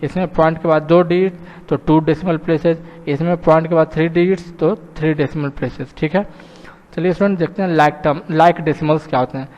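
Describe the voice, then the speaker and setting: A man's voice: on the high side, steady tone, a little fast, a little mellow, long reverb tail, muffled recording. A man teaching a math lesson patiently, often checking in with his students. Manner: patient, repeats "thik hai" and "students" often.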